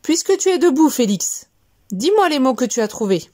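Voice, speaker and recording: Woman doing a shrill jumpy teacher, yelling orders way up high. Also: big pitch swings, normal speed. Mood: stern. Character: shrill nervous woman schoolteacher.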